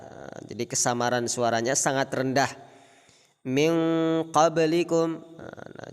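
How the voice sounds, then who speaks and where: A man teaching a Quran recitation lesson on tajwid rules, explaining slowly and pronouncing Arabic examples in a raised, drawn-out recitation tone. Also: long reverb tail. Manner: slow, deliberate, models Arabic examples in a raised chanting pitch.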